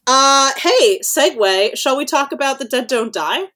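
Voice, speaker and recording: A woman's voice: high voice, lively intonation, a little slow, fairly bright tone. A woman co-hosting a podcast in casual chat, rambling with lots of fillers and casual swearing. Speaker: podcast co-host.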